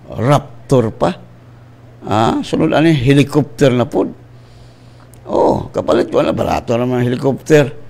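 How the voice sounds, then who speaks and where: A man with a Cebuano accent, a pastor preaching and praying on the radio, mixing in English phrases and breaking into sudden high shouted bursts. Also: gravelly. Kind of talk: radio sermon and prayer. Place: radio studio.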